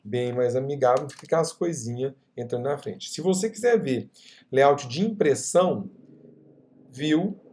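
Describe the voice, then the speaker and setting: A middle-aged man walks viewers through a screen-recorded software tutorial. He keeps asking if they are following along. His voice is dark, slightly high and gravelly. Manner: chatty, checks in often with the viewer. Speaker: software instructor.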